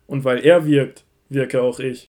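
An actor playing Jesus as a solemn, assured and authoritative teacher, preaching earnestly in an audio drama. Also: male voice, mid-range voice, steady tone, unhurried, warm tone, natural voice. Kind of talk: audio drama Bible dialogue.

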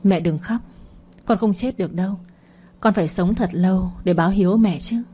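A woman playing a cunning, defiant young man in a spoken story, taunting and mocking. The voice is darkish and slightly husky, and it moves fast. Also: mid-range voice, dark tone, natural voice. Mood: mock tender.

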